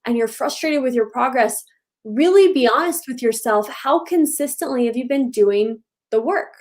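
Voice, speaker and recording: A woman's voice: high voice, lively intonation, moderate pace, darkish tone. A woman co-hosting a live coaching show, upbeat and encouraging, firing off rhetorical questions. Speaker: co-host. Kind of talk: live-streamed coaching chat.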